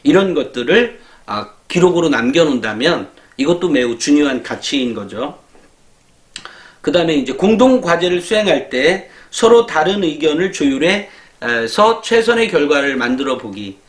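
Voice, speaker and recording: Lively-voiced man giving an admissions talk. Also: on the high side, moderate pace. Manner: conversational, many fillers and rhetorical questions. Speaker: college admissions advisor. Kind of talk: lecture-style talk. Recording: echoey room.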